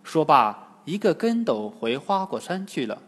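Slow, expressive male storyteller. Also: fairly high pitch. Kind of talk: storybook narration. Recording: long hall reverb.

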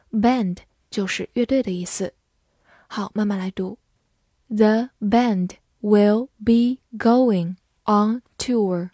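A woman teaching English vocabulary, speaking in a measured, clear way. She spells each word letter by letter and reads example sentences slowly. Her voice is mid-pitched and dry, with no room sound. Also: mellow, no echo. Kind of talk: scripted vocabulary lesson.

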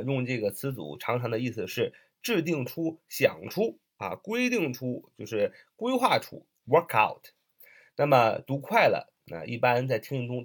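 Male language tutor, husky voice, animated pitch, casual, fills pauses with "uh". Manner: spells words letter by letter and repeats them slowly; frequent "uh" and "ah" fillers. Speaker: English listening teacher. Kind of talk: casual online lesson.

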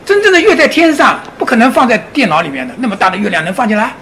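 A man giving a public lecture, animated, often asking his audience rhetorical questions and chuckling as he explains. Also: very high-pitched, racing, slight background noise. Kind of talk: public lecture on Chinese classics and Zen.

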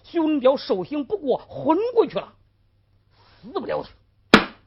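A woman's voice: high voice, big pitch swings, measured pace, creaky, voice pushed up, exaggerated voice. A woman storyteller voicing obedient male court constables giving clipped reports, on a lo-fi old recording. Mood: dutiful.

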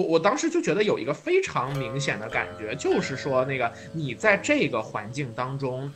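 A man co-hosting a casual podcast discussion, arguing his view with lively restarts and asides. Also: medium pitch. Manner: animated, argumentative, many restarts. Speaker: podcast co-host.

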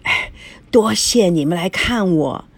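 A woman voicing a frail, sick grandmother over seventy who speaks weakly and gently, in a breathy voice. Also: fairly low pitch, expressive, unhurried, heavily acted. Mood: grateful.

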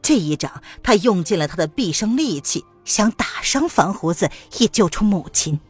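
A woman narrating a martial-arts novel aloud as an audiobook, with expressive storytelling. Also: mid-range voice, moderate pace, slightly rough, faint music behind.

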